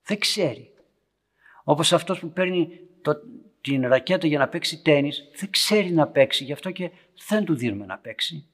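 Priest for a parish homily: husky male voice, storytelling, swings from loud to hushed. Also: on the high side, lively intonation. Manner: storytelling, loudness rising and dropping to near whispers. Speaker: Orthodox priest. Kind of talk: homily to young parents. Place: church meeting room.

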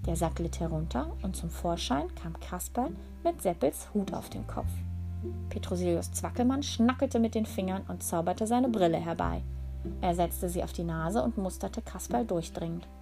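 A woman teacher reading a children's book aloud to her pupils in a clear, friendly storytelling manner. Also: lowish voice, expressive, normal speed, over music.

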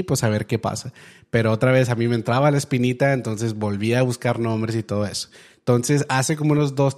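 A man's voice: medium pitch, darkish tone. A young man hosting his own podcast, telling a story in a loose, chatty way full of fillers and restarts. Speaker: podcast host. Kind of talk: casual storytelling monologue.

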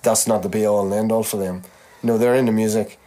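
A middle-aged touring musician in casual chat, swearing freely and acting out quoted lines in a raised voice. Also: male voice, fairly low pitch, fairly even intonation, fast, warm tone. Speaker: touring musician, podcast host.

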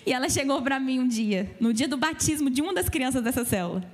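High-voiced woman pastor preaching. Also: lively intonation, fast talker. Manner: emphatic preaching with direct questions to the congregation. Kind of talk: sermon. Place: church.

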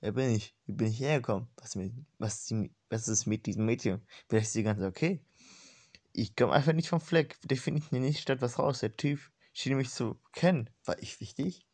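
A puzzled, kindhearted young man who cannot remember who he is, wondering aloud, as a man reads a comic's hero. He is earnest and talks at a middling pitch. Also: moderate pace, darkish tone, lightly acted. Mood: pondering. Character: confused young human man, kindhearted, without memories.

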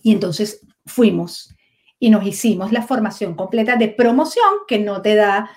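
A guest who promotes breastfeeding tells her own breastfeeding story in an interview, speaking with a Venezuelan accent. She is animated, laughs often and acts out the dialogue she quotes, at medium pitch and a moderate pace.

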